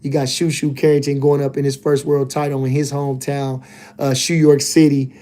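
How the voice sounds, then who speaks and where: A man's voice: mid-range voice, flat delivery, normal speed, dark tone. A man hosting a casual boxing livestream, reading chat comments and talking loosely with lots of filler phrases. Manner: laid-back, loose and rambling, lots of "you know what I'm saying".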